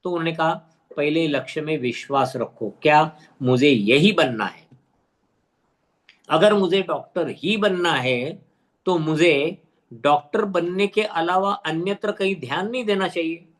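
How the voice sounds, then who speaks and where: A man teaches a class of teachers over a video call, and his voice sits a little above the usual male pitch. He builds each point by asking a question and then answering it. When he reaches a hard word he slows down and repeats it carefully so the teachers get it right. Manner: drills careful pronunciation, repeating words slowly. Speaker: teacher trainer. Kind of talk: online teacher-training lesson.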